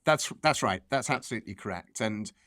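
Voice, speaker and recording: A man speaking as an expert professor, explaining science conversationally in a measured way and repeating phrases for emphasis. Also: lowish voice, animated, fairly bright tone, no echo, clean studio sound.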